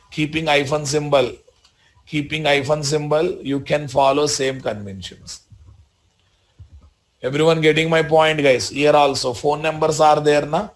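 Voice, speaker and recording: A man with a Telugu Indian accent teaches a live software tutorial as an instructor, repeating short phrases and often checking that learners follow. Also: fairly high pitch. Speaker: programming instructor.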